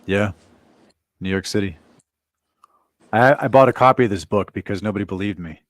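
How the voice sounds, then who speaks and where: A man's voice: lowish voice, normal speed, no room sound. A man hosting a casual political chat show, talking bluntly and repeating words as he starts his sentences. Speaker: show host.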